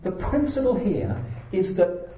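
A man's voice: high voice, wildly swooping pitch, measured pace. A man preaching a sermon in an earnest, exhorting way, rising to emphatic peaks. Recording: dull roomy hall recording.

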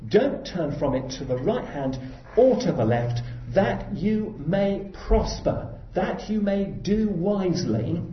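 A man's voice: sits high, lively intonation, slow pace, few pauses. A man preaching a sermon in an earnest, exhorting way, rising to emphatic peaks. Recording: dull roomy hall recording.

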